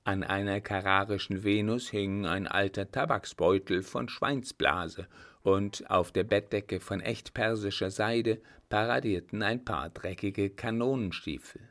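A man reading a historical novel aloud in a measured storytelling manner. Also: on the low side, a bit bright. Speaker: audiobook reader. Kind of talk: scripted narration.

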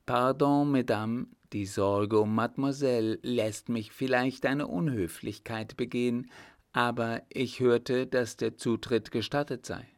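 A man's voice: medium pitch, steady tone, unhurried, lightly acted. Man reading as a curt, sarcastic emperor. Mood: curt, commanding. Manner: clipped, imperious.

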